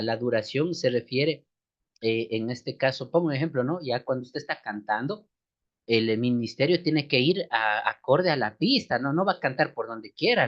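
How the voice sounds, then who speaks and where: Lively male church music teacher, slightly sick. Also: mid-range voice. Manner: explains step by step, addresses listeners as sisters and brothers. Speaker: seminary teacher. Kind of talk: church music lesson, lecturing. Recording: dull lo-fi recording.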